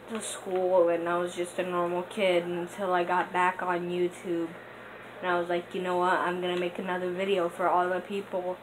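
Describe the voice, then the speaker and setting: Young female gamer host, unhurried rambling commentary, slightly low voice, noisy home audio. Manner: rambling and hesitant, with many fillers; bursts into excited gasps during play. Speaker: gaming channel host. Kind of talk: casual gameplay commentary. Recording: noticeable background noise.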